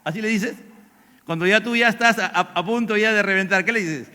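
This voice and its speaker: A man's voice: sits high, fast talker, sharp tone, smooth. An older man with a Peruvian Spanish accent preaching a sermon, asking the congregation questions and acting out quoted lines. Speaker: pastor. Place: church hall. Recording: echoey church hall.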